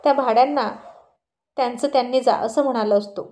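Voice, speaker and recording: A woman doing a playful young husband in a spoken storybook, teasing and coaxing in a mellow, fairly high voice. The tone stays warm and close to the reader's own. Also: a little fast, close to an everyday voice.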